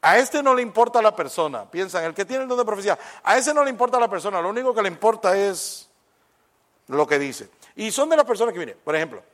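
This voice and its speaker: A man preaching a sermon, lively and conversational, acting out little exchanges and dropping in English phrases. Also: sits high, fast. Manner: animated, acts out little dialogues, mixes in English phrases.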